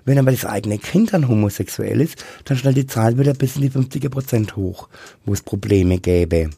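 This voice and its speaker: A middle-aged man with a husky, gravelly voice, talking candidly and haltingly as an interview guest. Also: medium pitch, lively intonation, dark tone, dry recording. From Franconia, Germany. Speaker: interview guest, drag queen and queer activist.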